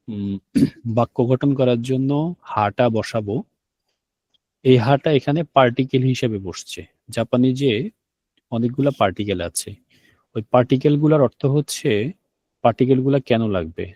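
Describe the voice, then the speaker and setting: Here a man teaches a language over the internet in a slightly mellow mid-range voice, with no echo on the recording. He explains things one step at a time, asks his learners questions, and goes back over key vocabulary.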